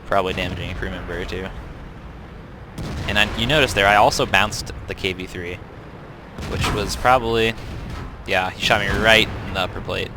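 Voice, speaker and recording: A man's voice: low-pitched, fairly even intonation, moderate pace, long pauses, noisy background. A young man casually commenting over replays of his own tank battles, chatty and self-correcting, with frequent ums. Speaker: game reviewer. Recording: tank game sounds loud behind voice.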